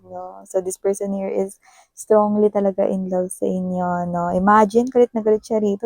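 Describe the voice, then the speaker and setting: Woman tarot reader, mellow and warm, dry close sound, chatty. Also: no room sound. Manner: chatty, tags sentences with "no?"; acts out a partner's scolding in a higher voice. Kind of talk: casual tarot reading to viewers.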